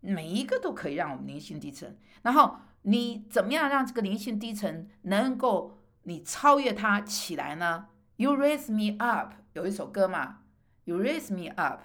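Gravelly middle-aged woman preacher. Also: mid-range voice, sing-song, normal speed, pushed and bright. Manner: emphatic, rising on rhetorical questions. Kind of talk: personal sermon testimony.

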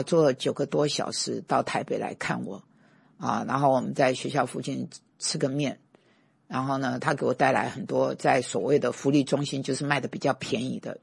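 A middle-aged man preaches in a chatty, story-driven way, his voice gravelly with a husky edge. He leans hard on key points in forceful bursts. The sound is close and dry, with no room echo. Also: medium pitch. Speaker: pastor and teacher. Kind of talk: conversational sermon with personal stories.

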